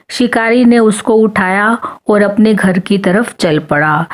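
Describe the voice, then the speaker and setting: A woman narrating a storybook tale as a storyteller, reading aloud gently. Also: mid-range voice.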